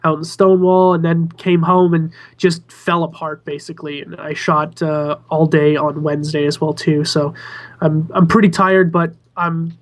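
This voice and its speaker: A man with a slightly higher voice, a bit hoarse and stuffed up from a cold, co-hosts a podcast over a video call. He is wry and self-mocking in casual chat. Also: level tone, normal speed. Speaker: podcast co-host.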